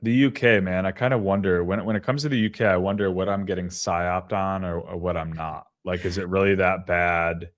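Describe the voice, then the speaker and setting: A man with a fairly low voice chats loosely as a podcast co-host. He rambles, restarts his thoughts and drops swear words without much care. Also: fairly even intonation, a little fast, hardly any pauses. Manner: rambling, swears freely, trails off. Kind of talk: casual podcast chat.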